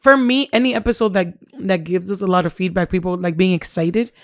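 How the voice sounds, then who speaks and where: A woman in her thirties co-hosting a podcast, talking in an animated, chatty way and slipping in Spanish phrases. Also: on the low side, fairly quick, dry recording, studio quality. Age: 30s. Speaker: podcast co-host. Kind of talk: casual chat.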